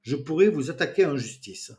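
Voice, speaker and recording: Brief: man playing a curt, indignant drunk, loud and raised, storybook reading. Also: on the high side, lively intonation, a little fast, pitched above the performer's own voice, lightly acted.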